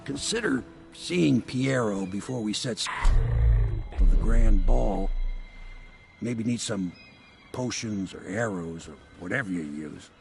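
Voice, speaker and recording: Gravelly, wry boatman. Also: lowish voice, animated, slow pace, soft background music, exaggerated voice. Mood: wry, cautioning. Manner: plain-spoken, dry, folksy. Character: gruff, wry working boatman, loyal to his passenger. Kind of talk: video game voice acting.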